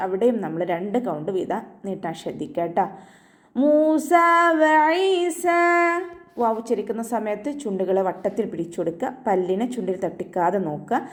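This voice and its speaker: A woman teaching Quran recitation in an online tajweed lesson, explaining each rule patiently and chanting the verses slowly in a higher, drawn-out voice. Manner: patient step-by-step instruction, softly ending phrases with "ട്ടോ".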